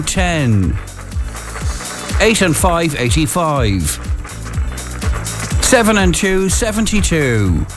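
An Irish man calling bingo on the radio, announcing numbers in rhythmic pairs as a bingo caller. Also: on the high side. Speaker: radio presenter. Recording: voice over prominent music bed. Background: music.

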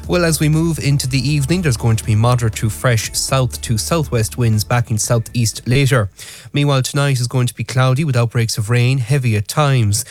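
A man's voice: mid-range voice, brisk, a little mellow, soft background music. An Irish man presenting scripted local news headlines and a weather forecast on the radio. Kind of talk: scripted bulletin reading. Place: radio studio.

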